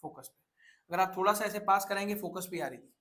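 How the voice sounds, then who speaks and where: A young male teacher with a high voice runs a lively lesson. He keeps asking the class a question and answering it himself, drilling each point with constant repetition. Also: brisk. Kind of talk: classroom-style physics lesson.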